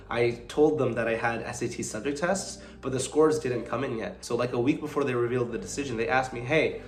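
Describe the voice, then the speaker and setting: Young man, sick voice, chatty advice vlog, quick delivery, roomy echo. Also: mid-range voice. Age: young adult. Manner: chatty, upbeat, rapid-fire tips. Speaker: college admissions advice vlogger.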